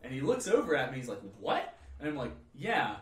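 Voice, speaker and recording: A man casually telling a tabletop game story, animated and swearing freely as he acts out characters. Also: medium pitch, very fast. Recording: roomy mic from a distance, faint noise.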